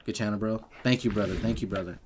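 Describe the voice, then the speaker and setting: A man's voice: fairly low pitch, steady tone, fast talker, noisy background. A man hosting a livestream reaction, talking in slangy, incredulous, joking asides. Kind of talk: casual reaction commentary. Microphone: earphones on, desk setup.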